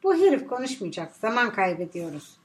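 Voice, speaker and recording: A woman's voice: medium pitch, sing-song, a little fast, pitched below the performer's own voice, natural voice. A woman reading the part of a tough male fighter in an audiobook, giving curt, commanding orders.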